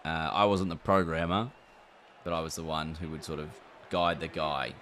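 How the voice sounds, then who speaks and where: Low-voiced man streaming a game. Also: fairly even intonation, normal speed, fairly bright tone. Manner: chatty, reacts aloud to the game and answers chat. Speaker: gaming streamer. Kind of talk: casual livestream chat while playing. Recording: clear background noise.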